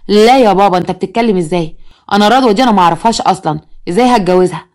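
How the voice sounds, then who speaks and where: A woman's voice: mid-range voice, fast, natural voice. A woman voicing a frustrated young son in an Egyptian accent, protesting. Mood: upset.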